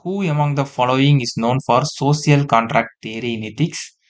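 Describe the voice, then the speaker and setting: In this exam-prep lesson, a medium-pitched man reads out multiple-choice items and lingers over each answer, repeating it slowly. He often drops into a hushed aside.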